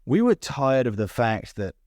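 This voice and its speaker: In a dry, studio-quality recording, a young man raised in the United Kingdom talks fast and earnestly as a podcast guest, frequently tripping up and starting his sentences over. The social media founder has a mid-range, darkish voice with big pitch swings.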